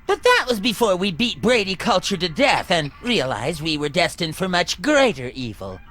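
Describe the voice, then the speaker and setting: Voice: medium pitch, sing-song, normal speed, fairly bright tone. An actor playing a prim, self-important young prince of hell and ringleader, officious and pompous, in a video game. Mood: haughty. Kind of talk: video game character acting. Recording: music behind the voice.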